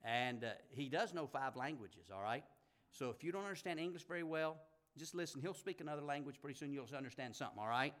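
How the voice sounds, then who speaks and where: A man's voice: on the high side, lively intonation, quick pace, a bit bright. A man introducing a guest preacher to a church congregation in a folksy, self-deprecating way. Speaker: pastor introducing a guest speaker.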